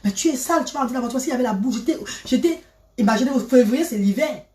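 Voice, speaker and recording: A woman voicing a calm, kindly male police officer who talks in a low, soft, consoling way. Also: racing, natural voice. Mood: gentle. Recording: roomy, from a distance.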